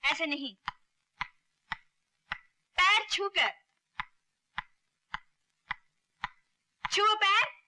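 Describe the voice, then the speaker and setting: एक अभिनेत्री पुरानी हिंदी फ़िल्म में एक निडर, बेबाक युवा बंजारन लड़की का किरदार निभा रही है।. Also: female voice, high voice, measured pace, sharp tone, slight background noise. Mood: commanding. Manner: commanding and forthright. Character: bold young street-dancer woman, fiery and tender. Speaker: lead actress. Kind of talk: 1970s Hindi film dialogue. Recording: old film soundtrack with music behind.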